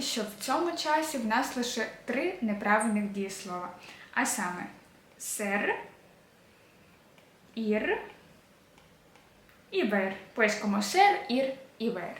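A woman teaching a beginners' Spanish lesson, patiently repeating verb endings and stress points. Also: a little high. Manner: patient, drills endings slowly and repeats them. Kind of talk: explaining a language lesson. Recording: echoey room.

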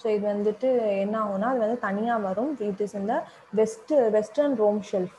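A woman with a Tamil accent explains current affairs in an unhurried revision lecture, her voice mellow and soft-edged. She moves between Tamil and English, pausing on fillers and restarting phrases as she goes. A faint hiss sits under the recording. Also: mid-range voice, low-quality recording.

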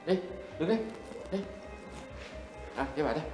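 A man's voice: on the high side, lively intonation, moderate pace, natural voice. Guy acting as worried old grandpa, voice jumps all over, stammers, echoey room with music. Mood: flustered. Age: older. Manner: hesitant, repeats words when flustered. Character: worried, fretful older family man. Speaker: grandfather in a TV drama. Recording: roomy set with music behind.

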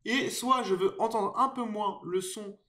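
A man's voice: high-pitched, measured pace, fairly bright tone. A man giving a casual, explanatory microphone tutorial, hesitant and full of fillers, recorded on a USB desk microphone at home. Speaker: tech YouTuber reviewing a microphone. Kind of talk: casual screen-share tutorial. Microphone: USB desk microphone under test.

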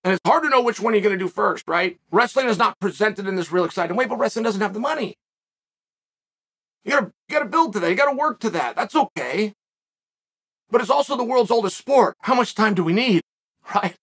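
Male host, high tense voice, emphatic opinion rant. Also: expressive, a little fast, a bit bright, husky. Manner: emphatic, ranting, repeats phrases for effect. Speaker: podcast host. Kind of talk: opinion commentary.

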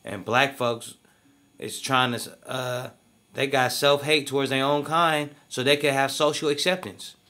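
Man, video commentator, casual slangy talk, bright forceful voice, emphatic. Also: medium pitch. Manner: emphatic, slangy, repeats "you feel me".

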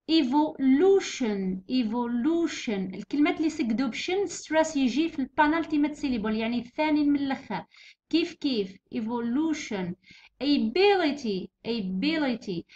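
Algerian lady teacher going over exam stuff, pretty high voice, kinda muffled lo-fi audio. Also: darkish tone. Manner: explains patiently, repeats words slowly and clearly. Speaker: English teacher. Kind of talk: exam revision lesson. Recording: dull lo-fi recording.

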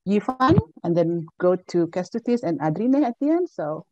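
A woman's voice: fairly low pitch, sing-song, normal speed, no room sound, lo-fi sound. A woman with an Indonesian accent moderating a film Q&A on a video call, speaking carefully with uh fillers. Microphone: webcam on a video call.

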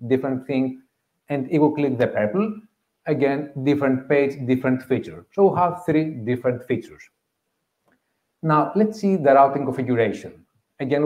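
A Greek man in his thirties with a medium-pitched, slightly mellow voice gives a tech talk at a conference, explaining step by step and repeating key points. He speaks with a Greek accent in a meeting room with an audience, captured in roomy, slightly dull live audio.

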